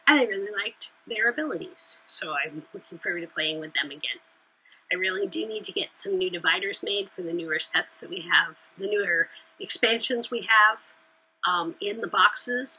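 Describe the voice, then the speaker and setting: A woman's voice: medium pitch, bright, forceful tone, husky, poor audio. A woman hosting a knitting podcast, chatting casually on her own, laughing often and sometimes trailing off mid-sentence. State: hiccuping. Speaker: podcast host. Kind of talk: casual solo chat.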